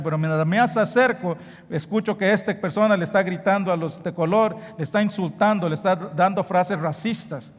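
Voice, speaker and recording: A man delivers an impassioned sermon in a church sanctuary. His voice sits a little high for a man, and he leans hard on key phrases, sometimes repeating a word before pressing on. The long reverb of the hall trails behind each line. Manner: impassioned, stresses key phrases, repeats words while searching. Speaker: pastor.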